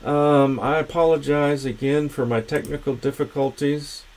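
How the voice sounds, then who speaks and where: A man's voice: on the high side, fairly even intonation, moderate pace, darkish tone. A man hosting his own channel's livestream, talking in a casual, meandering, unscripted way. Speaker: channel host.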